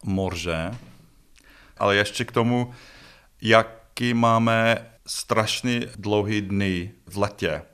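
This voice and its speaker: A man's voice: fairly low pitch, a bit bright, clear, resonant tone. A middle-aged man with a Scottish accent, a native English speaker, answering interview questions in a conversational, joking, self-deprecating way. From Scotland. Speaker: interview guest, festival organiser.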